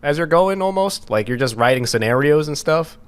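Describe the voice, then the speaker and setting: A young man co-hosting a casual podcast, joking around with slangy asides and quick reactions. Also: a little high, lively intonation, clean tone. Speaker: podcast co-host.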